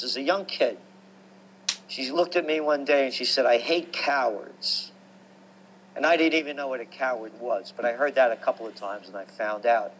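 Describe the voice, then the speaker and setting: A man, telling stories about his life as a guest in an animated, emphatic way. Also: medium pitch, a little hiss or hum, rough recording. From New York. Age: 60s. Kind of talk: conversational storytelling.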